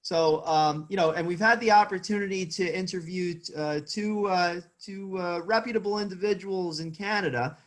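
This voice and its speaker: A male interviewer hosts a casual chat and asks long, wandering questions padded with fillers. His pitch sits a bit higher than most men's, and his delivery is relaxed and unpolished. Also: normal speed, few pauses. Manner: hesitant, many fillers, loose questions. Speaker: interview host.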